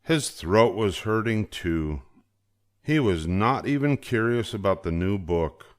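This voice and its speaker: With a lowish voice, an older man narrates a children's story aloud, his manner expressive and carefully deliberate as he reads the storybook.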